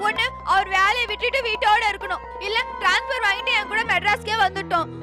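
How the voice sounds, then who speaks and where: An actress playing a dramatic young wife who wails and complains melodramatically in a TV serial. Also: female voice, extremely high pitch, quick pace. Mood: wailing. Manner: melodramatic, wailing comic complaints. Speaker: daughter-in-law. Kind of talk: TV serial acting. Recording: TV serial soundtrack with loud music.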